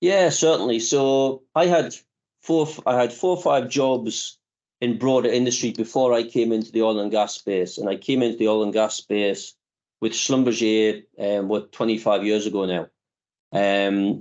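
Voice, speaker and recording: With frequent pauses, a fifties-aged CEO gives thoughtful, measured answers in an interview. He speaks at a medium pitch with a darkish tone, and the recording's highs are cut off.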